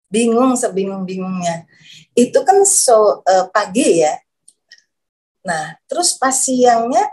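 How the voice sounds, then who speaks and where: Speaking on the high side with a darkish tone, a guest shares her conversion testimony. She hesitates, repeats herself, and hunts for words, becoming more emotional until her voice lifts when she's moved.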